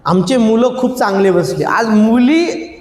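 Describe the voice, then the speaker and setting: Male teacher, Vidarbha Marathi accent, high voice, slow chanted drills, echoey classroom. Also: expressive, darkish tone. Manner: drills students, playful scolding, stretched chanted words. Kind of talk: classroom grammar lesson with call-and-response. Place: classroom with students. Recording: echoey classroom, faint room noise.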